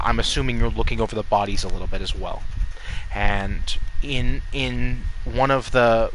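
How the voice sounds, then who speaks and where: Man, game master, laid-back narration, swears and restarts sentences, mid pitch. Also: a bit bright, a little hiss or hum, rough recording. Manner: casual and loose, swearing, laughing, trailing off.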